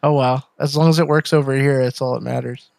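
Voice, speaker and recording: A man's voice: mid-range voice, steady tone, a little fast, creaky, a little mellow, dry recording. A man co-hosting a casual gaming livestream on a headset, easygoing and agreeable. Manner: easygoing, agreeable, chuckles often. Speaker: podcast co-host.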